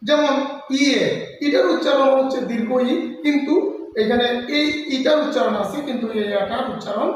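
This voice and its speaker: A man explaining a lesson as a teacher, halting often with filler sounds and restarting his phrases. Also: very high-pitched, slight background noise. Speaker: English teacher. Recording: far-off echoey room with faint ambience.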